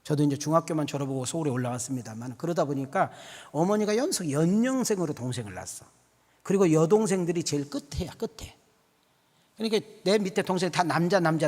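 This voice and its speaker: A man preaches a sermon in a church, swinging between folksy storytelling and rising, emphatic calls. His voice sits high for a man. A long reverb from the hall trails his words. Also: darkish tone. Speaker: pastor. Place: church sanctuary.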